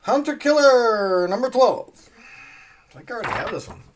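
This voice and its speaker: A man's voice: very high voice, very animated, normal speed, very noisy. A man casually unboxing comics, rambling, trailing off and swearing offhandedly. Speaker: comic unboxing channel host.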